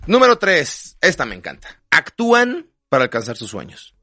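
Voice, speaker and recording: A man's voice: fairly high pitch, wildly swooping pitch, normal speed, pushed and bright, dry recording, studio quality. A man giving motivational advice as a radio guest, emphatic and coaching, often tagging lines with a questioning "right?". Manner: emphatic, coaching, rhetorical "¿no?" tags. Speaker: guest speaker, consultant. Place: radio studio.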